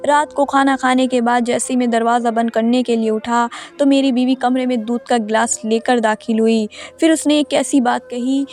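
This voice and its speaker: A woman with a high, darkish voice narrates a scripted, emotional first-person story. She tells it from a husband's perspective, reading the tale in a man's voice.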